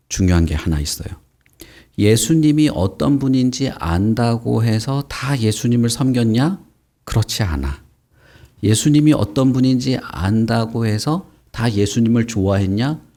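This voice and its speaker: A man preaches a children's sermon at Sunday school, talking to the kids in a relaxed, informal way. His pitch rises and falls freely as he quizzes them and acts out little quotes. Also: husky. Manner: animated, asks children questions and acts out quotes.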